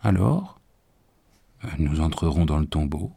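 A grave old professor, as a male narrator plays him, with a very low, gravelly voice. He speaks solemnly and measures every phrase, patient even when pressed. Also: measured pace, heavily acted.

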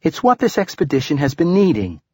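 A man's voice: mid-range voice, very animated, normal speed, husky, no room sound, clean studio sound, pitched above the performer's own voice. A man voicing a spirited young girl. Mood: cheerful.

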